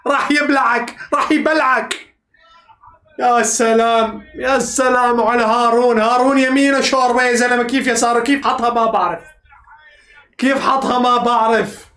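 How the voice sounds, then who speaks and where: Excitable high-voiced fan shouting. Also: male voice. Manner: excitable, shouts and cheers players on, repeats phrases. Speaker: fan reacting to a live match. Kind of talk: live match reaction commentary. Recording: echoey room.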